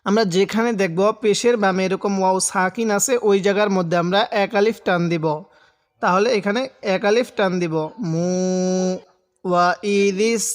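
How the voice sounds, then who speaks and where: In a high-pitched, steady voice with big-room sound, a man gives patient, step-by-step lessons in reading the Quran. He sounds out the syllables and recites them in a slow, drawn-out way.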